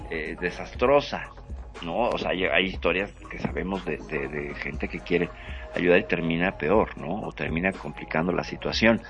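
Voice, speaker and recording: A man's voice: low voice, moderate pace, fairly bright tone, soft background music. A man hosting a casual conversation, explaining things in a reflective way with frequent fillers. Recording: slightly dull lo-fi audio.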